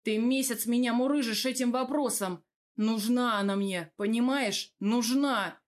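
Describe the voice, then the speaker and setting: A woman voicing a brooding, irritable young man, speaking gruffly and curtly in an audiobook. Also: medium pitch, steady tone, unhurried, close to an everyday voice. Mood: exasperated. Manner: gruff, curt.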